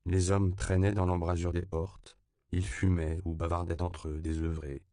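Deep gravelly male audiobook narrator. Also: dry recording, clean studio sound. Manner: even, measured reading. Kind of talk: scripted narration.

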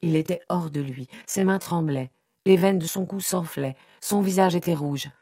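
A woman reading a literary novel aloud in a measured, expressive way. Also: on the low side, gravelly, no room sound, clean studio sound. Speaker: audiobook narrator.

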